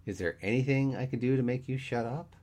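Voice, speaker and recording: A man voicing a wry, deadpan young man who teases his friend in a dry way. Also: mid-range voice, fairly quick, voice pushed up, natural voice.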